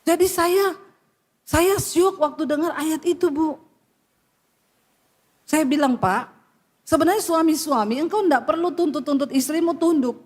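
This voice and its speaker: A woman's voice: high-pitched, measured pace, pauses often, a little mellow. A middle-aged woman pastor preaching a sermon, blunt and scolding, telling stories and acting out the people she quotes. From Indonesia.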